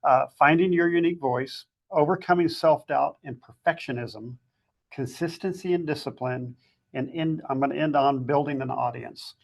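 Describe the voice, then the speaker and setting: Speaking as a guest author, a man with a gravelly, husky, fairly high voice gives conversational advice at a normal speed. He's plain-spoken and wraps up his points with short, emphatic summaries.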